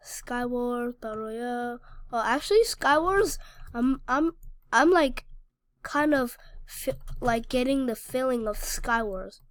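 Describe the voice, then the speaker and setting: A high-voiced woman rattles through gameplay commentary at an unhurried pace, quick to yell at the game and trip over her own words. The sound is dry and close, with no room around it. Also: dry recording. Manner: excitable, talks back to the game, slangy; scattered, restarts and stammers. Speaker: gaming channel host. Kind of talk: casual Minecraft gameplay commentary.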